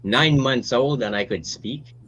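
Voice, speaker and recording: A man from the border of Quebec and Ontario, chatting casually on a podcast, slow and hesitant with many halting restarts. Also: medium pitch, fairly bright tone, a little hiss or hum. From Canada, Quebec-Ontario border. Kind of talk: casual chat. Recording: dull lo-fi remote audio.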